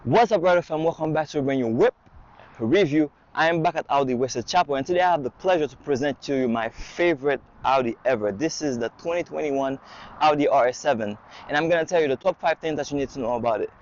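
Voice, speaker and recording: A man giving an excited, casual car walkaround review outdoors at a dealership, a little out of breath in the heat. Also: a little high, fast, lo-fi sound. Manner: excited, enthusiastic hype talk.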